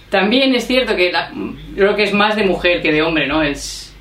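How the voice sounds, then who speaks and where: Woman vlogging, laughs a lot while telling stories, middle pitch, echoey room. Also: animated, measured pace, a bit bright, slight background noise. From Spain. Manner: chatty, laughing storyteller. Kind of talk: casual chat. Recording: roomy echo.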